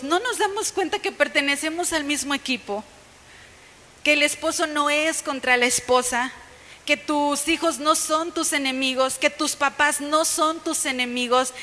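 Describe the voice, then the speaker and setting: A woman's voice: high-pitched, long reverb tail. A woman with a Mexican accent preaching a sermon in a conversational, storytelling way. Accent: Mexican Spanish. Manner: conversational, storytelling, quoting others with lively put-on voices. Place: church sanctuary.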